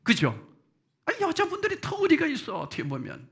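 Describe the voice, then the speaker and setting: Lively, bright-voiced male pastor preaching. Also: brisk. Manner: lively, chatty preaching with rhetorical questions to the congregation; swings between soft low asides and loud high exclamations. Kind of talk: sermon.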